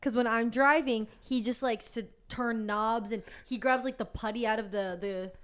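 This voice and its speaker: Woman, casual podcast chat, exasperated, teasing, slightly high pitch. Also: fairly even intonation, moderate pace, crowd noise.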